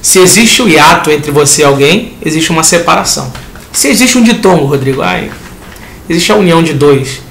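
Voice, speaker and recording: A man's voice: a little high, animated, a little fast, creaky, fairly bright tone, roomy sound, a little hiss or hum. A man with a Brazilian Portuguese accent teaching a lesson that reviews exam answers, talking the class through each step and acting out students' questions.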